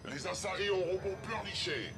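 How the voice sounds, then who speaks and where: A man voicing a brutal, defiant alien warlord in a video game, with a gravelly, declamatory delivery. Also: sits high, animated, normal speed. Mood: menacing. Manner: menacing, declamatory. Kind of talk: dubbed video game acting. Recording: music loud behind the voice.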